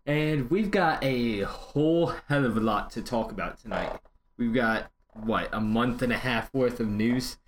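A man's voice: medium pitch, unhurried, slight background noise. A man hosting a casual gaming podcast with playful, joking banter. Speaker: podcast host.

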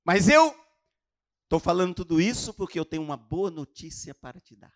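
A man from Brazil with a Brazilian Portuguese accent, preaching a sermon in short dramatic phrases and pausing for his interpreter. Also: on the high side. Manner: dramatic storytelling, pauses for interpretation, exclaims wow. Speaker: visiting preacher.

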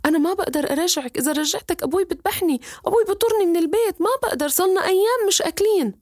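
A woman's voice: very high-pitched, a little mellow, no echo, studio quality, voice pushed up. A woman voicing a poor fisherman's son who refuses out of fear of his father. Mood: frightened. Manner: frightened, hurried refusals.

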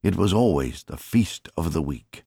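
As an audiobook narrator, a man reads a story a little slowly in a very deep, husky voice that swings widely and expressively in pitch. The sound is dry and close-miked, with no room sound.

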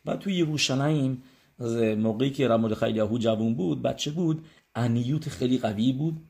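A man's voice: medium pitch, a little mellow. A man giving a religious lesson and telling a story in a conversational way, with frequent hesitations and rhetorical questions to his listeners. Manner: conversational, many hesitations and rhetorical check-ins. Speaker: religious teacher.

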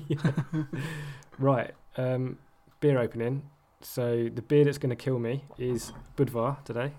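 A man's voice: mid-range voice, fairly even intonation, slow, warm tone. A man co-hosting a podcast, talking casually with lots of ums and easy laughs. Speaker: podcast co-host. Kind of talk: casual chat.

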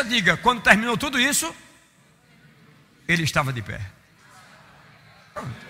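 A man preaching a sermon, impassioned, swinging from loud exclamations to quiet mock-weary asides. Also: very high voice. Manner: impassioned, rising to shouts and dropping to mock-weary murmurs. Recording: long hall reverb.

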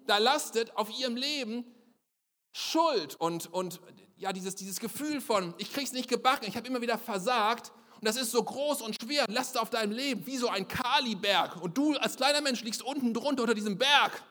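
A young man preaching a sermon at a church service in a lively, emphatic, colloquial way. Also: very high voice, moderate pace, in a large hall.

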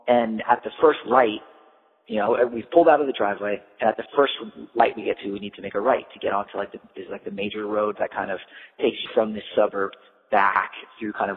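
A man's voice: lowish voice, creaky, big-room sound. Casual male storyteller, loose and rambling, heard through a tinny phone-like line. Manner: rambling, full of "like" and "you know". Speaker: storyteller recounting a trip.

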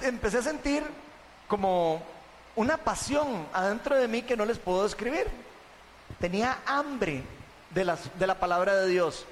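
Un hombre con acento costarricense da su testimonio ante una congregación, contándolo de forma animada y conversada, con muletillas frecuentes. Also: male voice, high voice, big-room sound, a little hiss or hum. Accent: Costa Rican. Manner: chatty, animated storytelling, tags sentences with "¿verdad?". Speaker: church member giving testimony.

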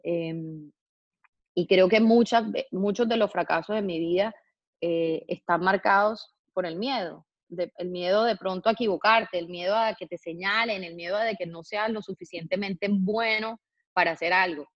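A woman's voice: lowish voice, no echo, muffled recording. A woman answering interview questions, reflective and hesitant, with frequent fillers and restarts. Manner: hesitant, many fillers and restarts, slow thoughtful phrasing. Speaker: interview guest, public figure.

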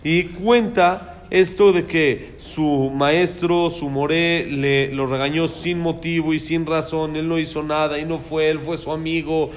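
A man's voice: a little high, fairly even intonation, a little slow, few pauses. A man teaching a religious class on raising children, speaking emphatically and putting questions to his listeners. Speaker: Torah teacher.

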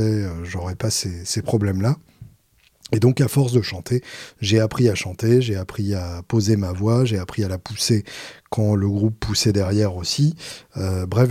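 A man's voice: on the low side, warm tone, slightly rough, no echo, clean studio sound. A man who sings in a band, talking casually to his viewers, hesitant with many fillers and restarts, wry and self-mocking. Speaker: singer in a band. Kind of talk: casual talk answering viewer questions.

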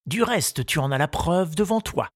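A man voicing a kindly, wise old male gardener in an audiobook, musing slowly and confidingly. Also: fairly high pitch, lively intonation, no echo, studio quality, voice pushed up. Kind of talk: audiobook character reading.

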